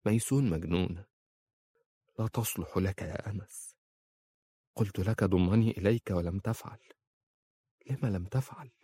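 A man's voice: sits low, normal speed, darkish tone. A man voicing a desperate tearful young woman. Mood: despairing. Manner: pleading, trembling. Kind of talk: audiobook character voice.

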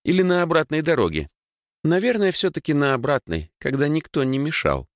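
A man's voice: a little high, very animated, brisk, no echo, clean studio sound, voice pushed up. A man reading a storybook and voicing a small, cheeky girl who teases her older brother. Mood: teasing. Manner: playful, teasing.

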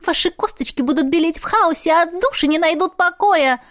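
Squeaky gloating ghost girl. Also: fairly bright tone, dry recording, clean studio sound. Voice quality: squeaky, sing-song. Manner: taunting, slow drawn-out singing. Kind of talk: audiobook character voice.

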